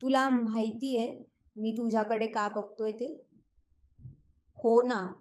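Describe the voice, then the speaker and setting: A woman voicing a young husband in an audio story reading, earnest and pleading, in a slow, even voice. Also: on the high side. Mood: teasing. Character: young husband, stern then tender.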